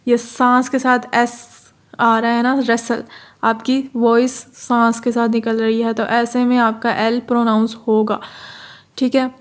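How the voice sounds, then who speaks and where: A woman with a Pakistani accent lectures in Hindi-Urdu on English phonetics, repeating key terms, offering examples, and correcting herself along the way. Her voice is fairly high with little pitch movement, and she keeps a measured pace.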